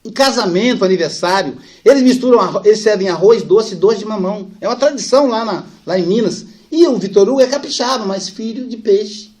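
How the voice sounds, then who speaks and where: A middle-aged man giving a storytelling lecture, acting out dialogue and dropping soft and slow for sad parts. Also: sits high. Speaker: spiritist speaker.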